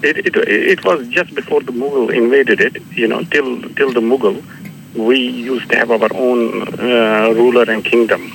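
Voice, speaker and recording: A man's voice: medium pitch, steady tone, a little slow, creaky, fairly bright tone, slight background noise, low-quality recording. A man from Kashmir with a Kashmiri accent answers interview questions as a community leader, often repeating words and phrases.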